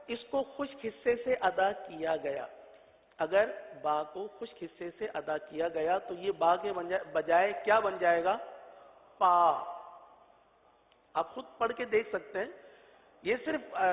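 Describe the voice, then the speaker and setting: Male recitation teacher, high voice, drawn-out sung letters, thin tinny audio. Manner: asks and answers his own questions. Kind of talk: patient spoken lesson. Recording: tinny phone-like echoey audio.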